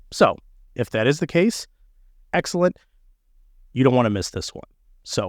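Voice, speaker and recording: Brief: male podcast host, playful, lively pitch, dry close recording. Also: no echo. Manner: playful, joking. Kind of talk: casual podcast chat.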